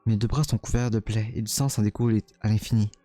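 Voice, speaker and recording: A man's voice: lowish voice, fairly even intonation, quick pace, mellow, no echo, faint music behind, close to an everyday voice. A man reading a game's first-person narration as a tormented young man, dramatic and stumbling over words now and then. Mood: anguished.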